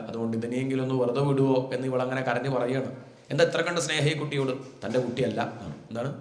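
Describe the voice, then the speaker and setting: A man teaching a devotional scripture discourse, telling the story and chanting Sanskrit verses slowly between his explanations. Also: mid-range voice, echoey room. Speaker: Bhagavatam teacher.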